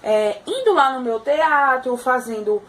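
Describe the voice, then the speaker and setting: A woman voicing a sly, greedy male fox who runs a puppet theater, smooth and coaxing. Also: sits high, lively intonation, unhurried, fairly bright tone.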